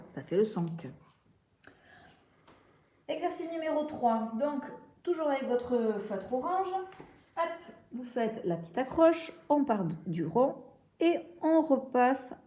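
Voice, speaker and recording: A woman's voice: on the high side, dark tone, dull audio. A young woman teaching a reading and handwriting lesson, patiently walking through sounds step by step. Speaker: primary school teacher.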